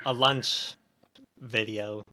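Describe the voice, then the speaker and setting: A man's voice: fairly low pitch, fairly even intonation, very slow, bright, forceful tone. A man hosting a casual podcast chat, talking in a hesitant way with many fillers and restarts. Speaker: podcast host.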